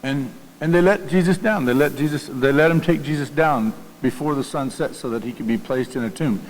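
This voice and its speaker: Speaking fairly quickly at a medium pitch, a pastor with a Southern US accent preaches in a church sanctuary with a conversational style. He repeats words often and asks the congregation questions. The recording carries the long reverb of a church hall.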